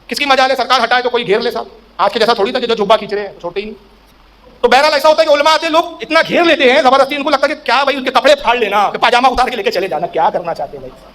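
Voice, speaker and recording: A man's voice: very high-pitched, pushed and bright. A man preaching a sermon in a storytelling way, acting out quoted speech with a raised voice.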